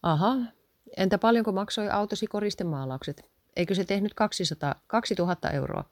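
A woman reading aloud and voicing a patient wife who calmly reasons and adds up sums. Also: mid-range voice, dry recording, studio quality, natural voice. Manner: calm, persistent, counting sums aloud.

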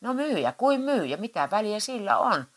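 A short-tempered older husband who blusters gruffly, put on by a woman telling a story. The voice sits low and grumbles more than it speaks. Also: very animated, fairly bright tone, full character voice. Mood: blustering.

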